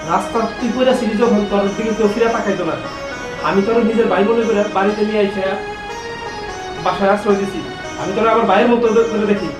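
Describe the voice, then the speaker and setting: A man acts out an indignant, gullible husband in a melodramatic short film, with a Bangladeshi Bengali accent. He scolds very quickly and emphatically. The sound is echoey and off-mic, with loud music behind. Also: high voice, steady tone, far from the mic, close to an everyday voice. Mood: outraged.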